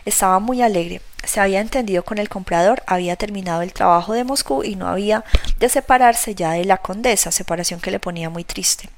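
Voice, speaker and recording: A woman narrating a novel as an audiobook, reading in a measured, steady way. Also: medium pitch.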